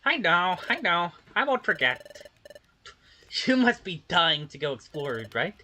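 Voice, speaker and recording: A player reads a game's dialogue aloud in a mid-range voice. The voice has a bright tone. The delivery is lively, with pitch that rises and falls widely. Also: a little slow, slight background noise. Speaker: game player voicing dialogue. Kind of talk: reading game dialogue aloud.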